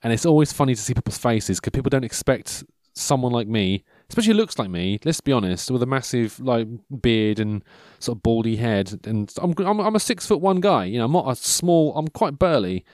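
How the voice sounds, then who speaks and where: Very animated and a touch fast, this thirty-something man barely pauses as his medium-pitched, slightly mellow voice wanders through a rambling monologue. He cuts himself off, forgets where he was going, and mocks himself drily. No echo is present.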